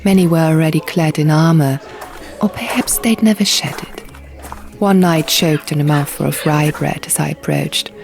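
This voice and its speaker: A woman with a low-pitched, gravelly voice narrates literary fiction as an audiobook, telling the story in first person at a moderate pace over music and sound effects.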